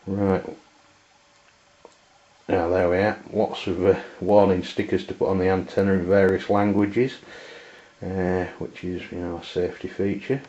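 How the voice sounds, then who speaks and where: Talking through a hands-on, unscripted product review demonstration, an amateur radio reviewer from England speaks in a very low voice with an English accent. His delivery is flat, plain-spoken and full of hesitations, halting throughout, and the sound is dull and lo-fi, like a handheld camera's microphone.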